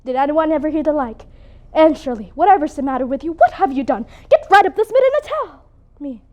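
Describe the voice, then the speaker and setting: A woman's voice: sits high, lively intonation, fairly quick, a little mellow. A woman playing a stern, strict older spinster in a competitive interpretation piece, scolding and disapproving. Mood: alarmed.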